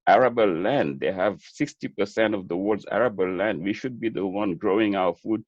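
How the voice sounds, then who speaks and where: A middle-aged Senegalese chef and food entrepreneur, appearing as a webinar guest, gives an earnest, reflective interview answer, repeating words as he builds each point. His voice is on the low side and a little mellow, moderately paced, in a muffled recording with no echo.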